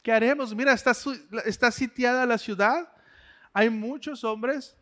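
A man's voice: very high-pitched, a little slow, fairly bright tone, voice pushed up. A man voicing a frightened male servant who pleads anxiously for help. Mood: anxious pleading.

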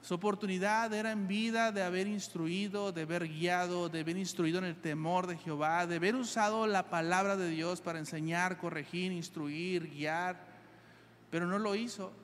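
A man's voice: high-pitched, fairly even intonation, normal speed, fairly bright tone, slight background noise. A man preaching a sermon, reading scripture aloud and explaining it with earnest repetition. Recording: long hall reverb.

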